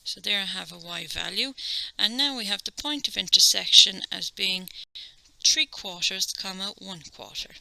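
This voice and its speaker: A woman's voice: medium pitch, expressive, moderate pace, gravelly, sharp tone, dry recording, rough recording. A woman with an Irish accent teaching a maths lesson, explaining each step patiently and checking in with "okay?".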